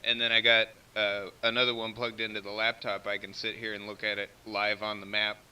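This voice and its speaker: A CB radio operator from America runs a live stream, casually breaking down technical topics in steps. His fairly low voice is completely flat, brisk, bright, forceful, and smooth, coming through a far-off-sounding feed from the radio station.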